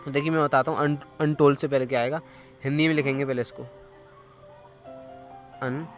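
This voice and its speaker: A man teaching English grammar, asking students questions and then answering them in a clear, explanatory way. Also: mid-range voice, fairly even intonation, a little fast, faint music behind. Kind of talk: classroom-style explanation to students.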